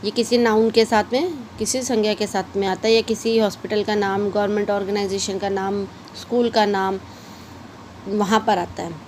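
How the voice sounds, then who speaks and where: A woman's voice: medium pitch, fairly even intonation, moderate pace, a little mellow, slight background noise. A woman teaching a shorthand lesson in a casual way, explaining patiently and repeating her examples. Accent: Hindi-English mixed.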